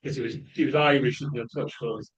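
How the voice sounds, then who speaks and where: A man chatting casually about movies in a radio studio, talkative and quick to laugh. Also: medium pitch, fairly even intonation, distant mic, highs cut off. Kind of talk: casual chat. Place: small community radio studio.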